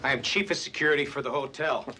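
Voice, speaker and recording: Actor doing a smug hotel security boss, tense sharp voice, sarcastic. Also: male voice, mid-range voice, fast, a little hiss or hum, natural voice. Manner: officious, sarcastic. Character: hotel security chief, adult man, officious and sneering. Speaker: chief of security.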